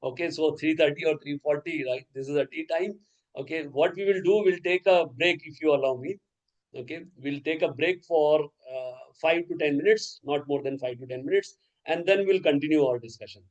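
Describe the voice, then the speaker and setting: Over muffled recording, a workshop resource person, a native Urdu speaker, explains material to teachers on a video call, often pausing for "okay" and "right?". His voice is a little high and his pace is normal.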